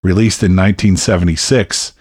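A man's voice: low-pitched, steady tone, a little fast, a little mellow, husky. A man hosting a music show, introducing tracks in a scripted radio presenting style.

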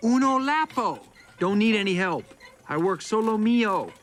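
A man voicing a boastful talking race car in an animated film, cocky and sing-song, mixing in Italian words. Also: sits high, takes it slowly, faint music behind, heavily acted.

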